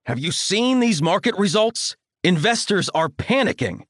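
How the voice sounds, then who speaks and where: A male narrator voicing an angry, bombastic father who lectures his son in a raised, high-strained voice. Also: big pitch swings, unhurried, dry recording, clean studio sound, exaggerated voice. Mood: furious. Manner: shouting, lecturing tirade.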